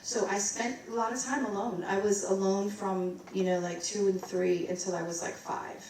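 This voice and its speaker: In a casual onstage interview in a recital hall, a middle-aged vocalist from Maryland, USA, rambles through her story and scats snippets of tunes. Her mid-range voice is steady and darkish, at a normal speed. The distant mic captures a roomy hall with slight background noise.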